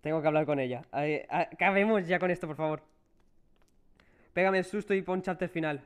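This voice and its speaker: Streaming a horror game live, this gamer talks with his viewers in a smooth, slightly high voice and speaks a little fast. He has a Spain Spanish accent. Easily startled, he curses and groans at the scares.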